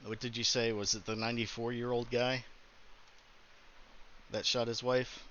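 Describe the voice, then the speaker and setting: A man's voice: mid-range voice, little pitch movement, moderate pace, a bit bright. A man in a casual group chat, heard through an online voice call, bantering in an easygoing, drawling way. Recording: lo-fi voice-chat audio with faint hiss.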